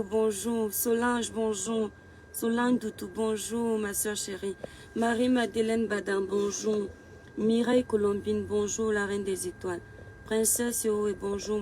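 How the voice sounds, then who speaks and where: A woman hosting a casual live stream, warmly greeting viewers one by one and urging them to share. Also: medium pitch. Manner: greets viewers by name, affectionate.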